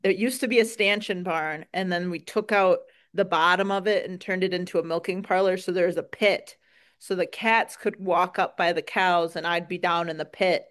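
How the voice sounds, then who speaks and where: A woman's voice: on the low side, fairly even intonation, moderate pace. A woman with a Wisconsin accent, a dairy farmer answering interview questions in an earnest, folksy way with frequent "um"s.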